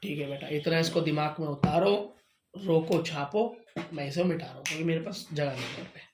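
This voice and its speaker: A man's voice: on the high side, brisk, noisy background. Guy tutoring maths at home, patient, keeps asking if u got it, echoey room. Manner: patient, keeps checking understanding, calls the student "beta". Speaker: maths teacher. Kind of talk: tutoring a student at a whiteboard. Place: teaching at home.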